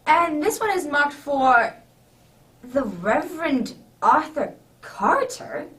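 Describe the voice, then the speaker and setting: A distant-sounding woman acting as a kindly gentleman doctor playing Santa in a radio play. The voice is high and hearty, swinging freely through bluff, old-fashioned exclamations. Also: very animated, takes it slowly, exaggerated voice. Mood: kindly, puzzled. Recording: distant microphone.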